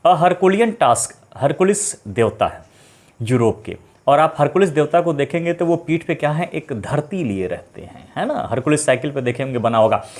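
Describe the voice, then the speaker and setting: A male teacher explaining English idioms for exams, asking the class questions and slowing down to read each phrase. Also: on the high side. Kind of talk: exam-prep idioms lesson. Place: online live class.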